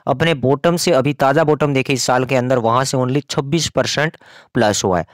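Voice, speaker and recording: A man with a mid-range voice hosts his own crypto channel, offering casual, chatty market commentary and explaining things directly to his viewers at a normal speed. The recording is dry and studio quality.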